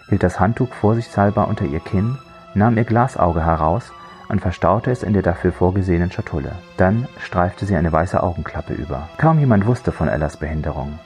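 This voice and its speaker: A man narrating a crime thriller audiobook in a measured, dry storytelling voice. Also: low voice, darkish tone.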